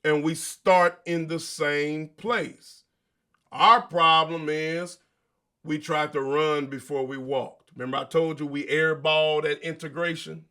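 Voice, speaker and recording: A man's voice: a little high, steady tone, measured pace, bright, forceful tone. A man hosting a show, delivering an emphatic, preachy motivational monologue in casual slang, full of rhetorical questions. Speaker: show host.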